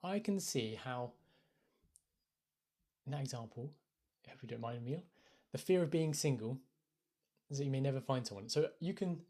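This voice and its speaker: A man's voice: medium pitch, lively intonation, normal speed, long pauses, dark tone. A British man from the UK, a life coach talking casually on a phone live stream, thoughtful and hesitant, often restarting his phrases. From United Kingdom.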